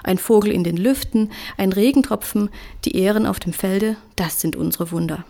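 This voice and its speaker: A woman's voice: mid-range voice, normal speed, gravelly, mellow. A woman voicing a proud, devout male imam in an audiobook, stern and insistent. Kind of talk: audiobook character voice.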